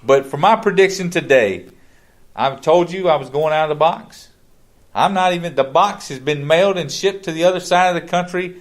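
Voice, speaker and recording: A man's voice: fairly high pitch, normal speed. A man co-hosting a podcast in casual chat, talking in a rambling way with frequent restarts. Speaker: podcast co-host.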